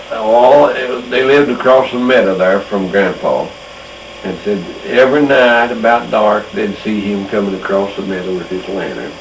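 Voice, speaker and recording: An older man, telling family memories in a slow, halting, emotional way. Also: lowish voice. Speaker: storyteller. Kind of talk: casual reminiscing. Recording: echoey room with noise.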